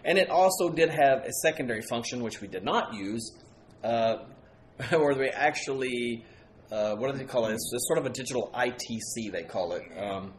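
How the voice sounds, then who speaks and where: A man's voice: mid-range voice, moderate pace, a little hiss or hum. A man hosting a casual paranormal investigation talk show, rambling and chatty, often correcting himself. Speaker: paranormal podcast host. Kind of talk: casual chat.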